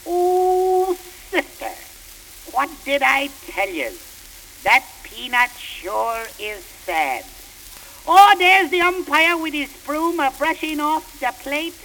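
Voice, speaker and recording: A woman reciting a comic poem in the voice of an excitable young male baseball fan, with old-time slangy dialect and shouts at the field. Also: high-pitched, slight background noise, heavily acted, poor audio.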